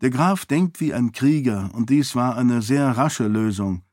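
A man voicing a sharp-witted young royal woman in an audiobook, lifting his voice and talking with quick self-assurance. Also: mid-range voice, lively intonation, no echo, clean studio sound, natural voice. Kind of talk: audiobook character voice.

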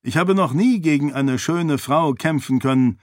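A man's voice: fairly high pitch, a little mellow, dry recording, studio quality, natural voice. A man doing a theatrical gallant nobleman. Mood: mock-romantic. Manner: theatrical, drawn-out courtly speech.

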